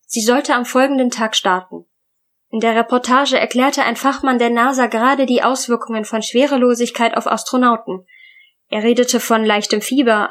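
Higher-pitched woman reading a story. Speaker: audiobook narrator. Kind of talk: scripted story narration.

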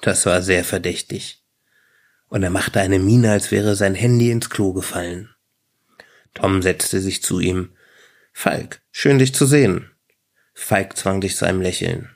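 Slow gravelly male narrator. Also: low voice, steady tone. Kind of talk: audiobook narration.

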